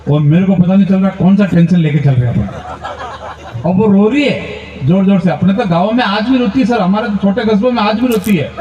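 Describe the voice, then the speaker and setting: A man performing stand-up comic storytelling, animated and playing his relatives in squeals. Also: sits high, a little fast. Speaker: comedian poet. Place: large event stage. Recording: roomy far-off lo-fi stage recording.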